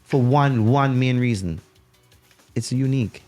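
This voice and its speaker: A talk show guest from St Vincent in the Caribbean speaks in a Vincentian accent, casually and animatedly sharing his opinions. He makes his points emphatically and repeats phrases to drive them home. His voice is medium-pitched and dark in tone, his pace unhurried, with faint music in the background.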